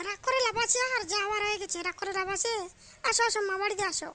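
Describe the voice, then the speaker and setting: A woman voicing a shrill, coaxing cartoon mother. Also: fairly even intonation, rapid-fire, pushed and bright. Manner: coaxing, repeating pleas. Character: pleading soft-hearted mother of the family. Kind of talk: comic cartoon voice acting.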